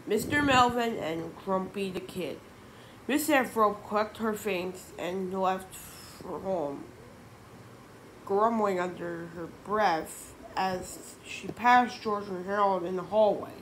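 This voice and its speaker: A woman reading a children's book aloud, halting, with frequent restarts and slips. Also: medium pitch, slight background noise. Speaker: reader.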